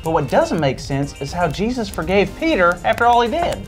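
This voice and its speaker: Woman as jokey kid Carl: playful, soft-hearted boy, voice swinging up and down a lot. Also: mid-range voice, brisk, soft background music, natural voice. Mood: joking. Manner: playful, joking, excitable. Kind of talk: kids' church puppet skit.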